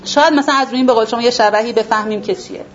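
A woman teaching a Quran class to students, asking herself rhetorical questions and repeating words for emphasis. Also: fairly high pitch. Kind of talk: explanatory religious lesson to a class. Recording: dull lo-fi recording with faint background noise.

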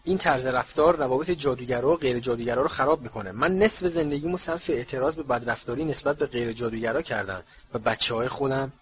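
An indignant wizard father shouts at his mischievous sons, voiced by a male reader. His lecturing rings out loud and sharp in an audiobook, with a faint hiss under it. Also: mid-range voice, hardly any pauses, natural voice. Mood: scolding. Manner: scolding, shouting. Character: angry middle-aged wizard father. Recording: slightly dull recording, faint hiss.

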